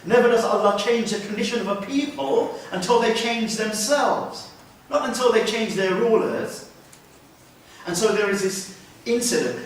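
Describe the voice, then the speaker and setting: An Islamic teacher with a high-pitched, somewhat bright voice gives an earnest lecture in a mosque hall, restarting often and putting questions to listeners. The hall is very echoey and the mic is distant.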